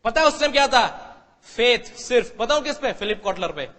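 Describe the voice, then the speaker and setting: A man telling his story to an audience as a motivational speaker, animated and acting out the dialogue. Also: very high-pitched, moderate pace. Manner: animated, acts out dialogue, mixes in English. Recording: long hall reverb.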